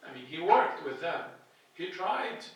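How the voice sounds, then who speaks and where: A man's voice: a little high, big pitch swings, a little slow. A middle-aged man from Egypt giving a classroom lecture at a lectern, earnest and thinking aloud with frequent restarts. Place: lecture hall with a projected slide. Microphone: handheld mic at a lectern, filmed from a distant camera. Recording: echoey hall from far off.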